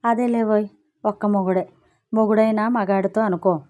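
A woman doing a gossipy, self-justifying wife from a spoken storybook, breezy and wry as she complains. The voice is mellow and soft-edged, set at a middle pitch. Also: steady tone, moderate pace, close to an everyday voice. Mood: chatty.

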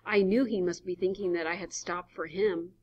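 A woman's voice: fairly low pitch, steady tone, moderate pace, darkish tone. A woman giving a dramatic reading of a radio play, reading the stage directions plainly, on a dull lo-fi recording. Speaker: reader.

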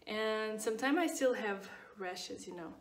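Recorded from a distance in a reverberant room, a 29-year-old woman from Portugal gives a casual product review of her skincare routine. She speaks accented English in a mid-range voice, a little slow but with lively intonation, repeating herself and leaning on fillers while off-mic.

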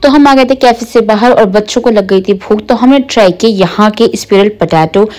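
A woman's voice: mid-range voice, a little fast, a little mellow. A young woman narrating her travel and food vlog in a chatty, descriptive voice-over. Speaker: vlogger.

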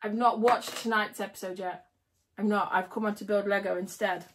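A woman's voice: mid-range voice, steady tone, moderate pace, a little hiss or hum. A woman livestreaming casually, chatting and giggling with viewers while she builds. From United Kingdom.

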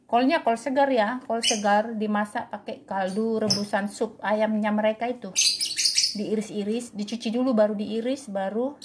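A woman's voice: mid-range voice, fairly even intonation, moderate pace, very noisy. A woman vlogging as she feeds her dogs, talking to them in a singsong, affectionate way, cooing and scolding in turns. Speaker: dog owner feeding her dogs. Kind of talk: casual vlog talk to pets.

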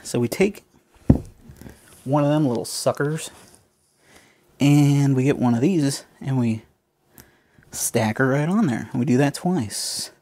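A man's voice: mid-range voice, slow, pauses often, a little mellow. A man chatting casually to viewers as he builds a toy kit, joking at his own expense and calling them folks. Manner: chatty, self-mocking, talks to viewers as folks. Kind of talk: casual unscripted build commentary.

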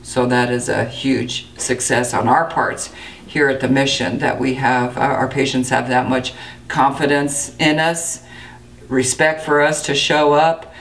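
Flat-toned older woman clinic director. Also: a bass voice, measured pace, creaky, far from the mic, slight background noise. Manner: steady, matter-of-fact, with frequent fillers. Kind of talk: interview to camera. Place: indoor clinic room.

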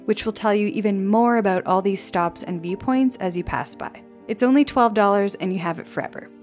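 A young woman with a mid-range, darkish voice narrates her vlog as a travel guide. Her scripted voice-over is upbeat and descriptive, and her on-camera segments are filmed outdoors at a mountain lookout.

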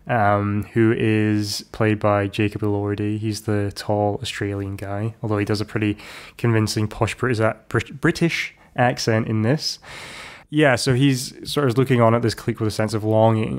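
A man's voice: lowish voice, clean tone. A man hosting a podcast, recapping a film in a rambling, casual way with lots of restarts and asides. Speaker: podcast host.

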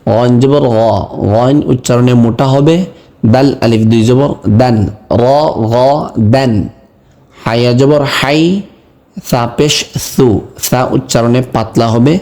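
Slow, mellow-voiced man teaching Quran reading. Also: medium pitch, steady tone. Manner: spells words letter by letter, then recites them in a drawn-out chant. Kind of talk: slow step-by-step recitation lesson.

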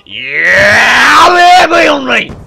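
A man commentates his shooter game in a loud, theatrical voice, barking rough orders at his squad like a self-appointed commander. His voice sits high and bright, leaps wildly up and down, and turns gravelly at the low end. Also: wildly swooping pitch, measured pace, very noisy. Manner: loud, theatrical, bossy mock-commander banter; frequent shouting and rough slang. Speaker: gaming commentator.

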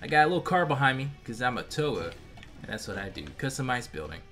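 A young American man giving casual, slangy, animated commentary as he plays a video game. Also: mid-range voice, fast talker. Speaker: gaming video host. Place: indoor room at home, facecam. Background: game music.

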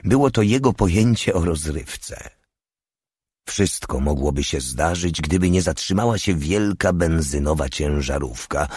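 Deep-voiced male audiobook narrator. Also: animated, darkish tone, husky, dry recording, clean studio sound. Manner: measured, unhurried reading. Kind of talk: scripted narration.

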